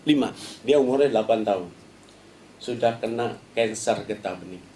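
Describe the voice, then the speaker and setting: A man's voice: on the low side, normal speed, dark tone, a little hiss or hum. Man preaching in an echoey hall. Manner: conversational preaching, many filler "ya" and "saudara". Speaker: pastor. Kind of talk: sermon. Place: church service.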